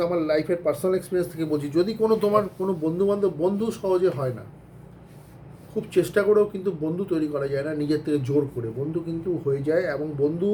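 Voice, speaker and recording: Man teaching accounts, fairly high and warm, earnest and rambling, mixing in English. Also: slight background noise. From Bengal. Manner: rambling, earnest advice with many restarts and English phrases. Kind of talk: casual spoken lesson to students.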